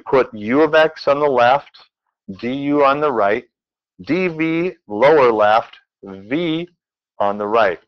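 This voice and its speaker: A man's voice: mid-range voice, muffled recording. A man teaching a math class in a classroom, working examples aloud and playfully quizzing his students as he goes. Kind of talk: classroom lecture.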